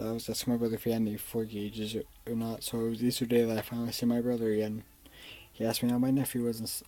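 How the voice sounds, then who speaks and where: In a casual vlog, a young man rambles through a personal story, swearing often and filling his speech with fillers. His voice is medium-pitched and warm, though the recording is rough.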